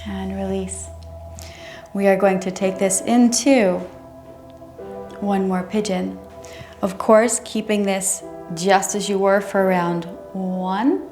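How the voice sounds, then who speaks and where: A woman instructing a chair yoga class in a careful, unhurried way, gently guiding each movement. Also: medium pitch, fairly even intonation. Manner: careful, unhurried, measured delivery. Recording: roomy echo, music underneath. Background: music.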